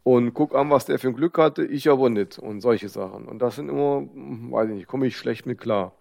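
Man, gravelly creaky voice, measured reflective talk. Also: medium pitch, a little mellow. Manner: measured, reflective, hedging with fillers. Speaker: podcast co-host. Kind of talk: casual conversation.

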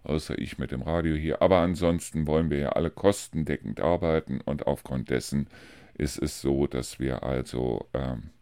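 A man's voice: extremely low pitch, moderate pace, mellow, smooth, dry recording, studio quality. A man hosting his own radio show, chatting casually and rambling through the week's news. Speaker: radio host. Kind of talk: casual monologue.

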